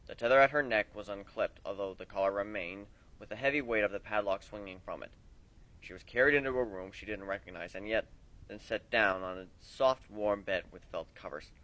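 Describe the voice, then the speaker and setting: A man reading fan fiction aloud, expressive, his loudness rising and falling with the story. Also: fairly low pitch, fairly quick, low-quality recording.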